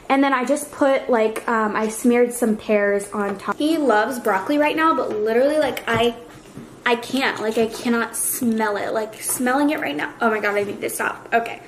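A woman's voice: high-pitched, roomy sound, slight background noise, poor audio. A young woman vlogging casually at home, chatty and full of fillers, nauseous and tired. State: nauseous, worn out. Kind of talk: casual vlog chat. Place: home kitchen.

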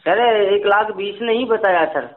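Over a tinny, narrowband phone line, a man with a high-pitched voice speaks at a moderate pace. He's a company phone agent on a sales call, pressing insistently and repeating himself.

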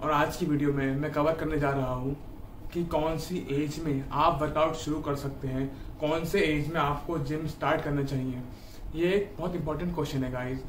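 A man's voice: fairly high pitch, fairly even intonation, normal speed, a little hiss or hum. A man in his twenties from India, giving earnest, encouraging fitness advice straight to the camera from a small room at home. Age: 20s. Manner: earnest, encouraging, addresses viewers directly. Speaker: fitness YouTuber. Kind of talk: casual advice talk to camera. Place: small indoor room at home, seated on a bed. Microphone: camera a few feet away. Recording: echoey room audio from a distant camera mic.

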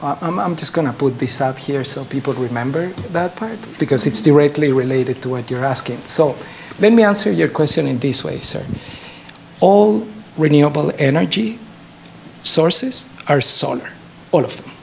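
This professor, a native Spanish speaker with a Chilean accent, is answering an audience question at a public lecture, captured in a noisy lecture hall. His somewhat high voice carries heavy vocal fry and moves at a normal speed. He explains with animation, favoring brief emphatic lines and rhetorical questions.

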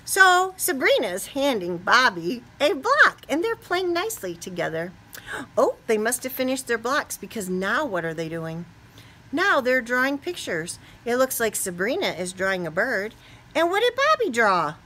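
Her voice a little high and her speed normal, a middle-aged American kindergarten teacher runs a read-aloud for young children in a small indoor classroom. She's playful and animated, exaggerating her questions and reactions the way one does with small kids.

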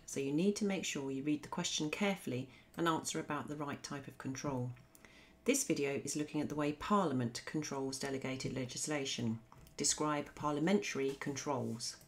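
A woman narrating a scripted law revision lesson as a voice-over, explaining in a clear, methodical way. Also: sits low. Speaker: law teacher.

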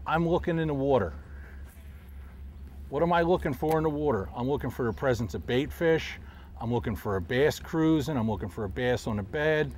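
A middle-aged man calmly explains his fishing technique as he casts from a boat, sounding like a fishing show host. His voice sits at an ordinary pitch and is picked up by a lapel mic outdoors, with a faint wash of outdoor noise behind him. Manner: calm, explanatory, talks while casting. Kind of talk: instructional fishing commentary.

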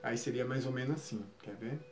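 A man giving a calm, explanatory spiritual lesson on a live stream, often ending phrases with tag questions. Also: medium pitch, fairly quick, roomy sound, background noise. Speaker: spiritual teacher.

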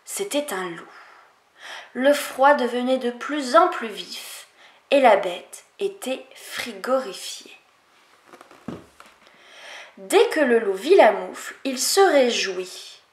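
Une enseignante lit un conte aux enfants avec une diction lente et expressive. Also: female voice, on the high side, roomy sound. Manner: slow, expressive, melodic. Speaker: teacher reading aloud. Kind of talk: storybook reading for children.

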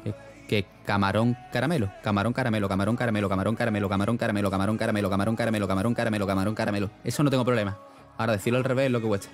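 A man's voice: on the low side, fairly even intonation, racing, soft background music. Rambling young streamer man. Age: young adult. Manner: rambling, slangy, laughs often. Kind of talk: casual chat reading live chat.

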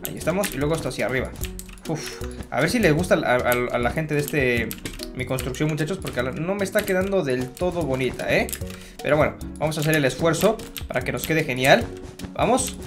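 A man's voice: fairly high pitch, expressive, a little fast, music in the background. A man giving casual commentary while building in a game, chatty and self-mocking, talking straight to his viewers. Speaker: Minecraft gamer.

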